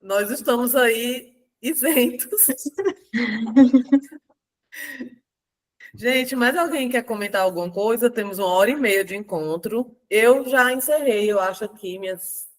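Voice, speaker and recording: A woman's voice: fairly high pitch, takes it slowly, long pauses. A woman hosting a reading group, reflecting on the book with light laughs. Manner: reflective, with laughs between points. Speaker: book club host. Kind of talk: casual group discussion.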